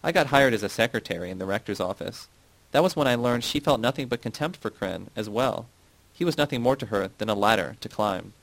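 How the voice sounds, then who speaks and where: Casting: male reader as cold, accusing young woman, low gravelly tone. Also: lively intonation, brisk, no room sound, rough recording. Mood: calm. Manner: shouting, cutting.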